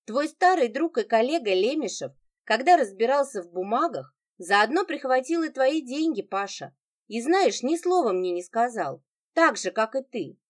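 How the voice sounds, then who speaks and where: A woman's voice: a little high, very animated, normal speed, pitched above the performer's own voice. A woman doing a sneering, venomous wife. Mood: mocking. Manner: sarcastic, sneering, biting.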